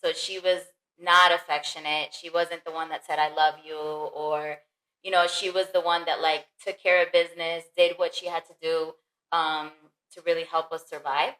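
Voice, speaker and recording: A woman's voice: sits low, flat delivery, moderate pace, a bit bright. A woman on a family podcast, speaking earnestly and reflectively in casual, heartfelt talk. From the Bronx, New York. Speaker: mother and podcast guest. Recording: roomy echo.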